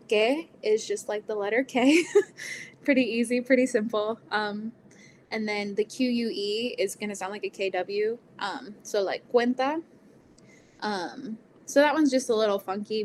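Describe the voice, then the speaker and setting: A woman's voice: medium pitch, a little hiss or hum. A woman giving a casual online presentation on Spanish pronunciation, chatty with frequent ums, likes and laughs. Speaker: presenter teaching Spanish basics.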